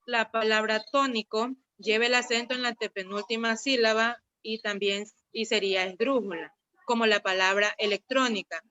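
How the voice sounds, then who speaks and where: Woman, student, bright sharp voice, fairly high, measured. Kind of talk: class presentation.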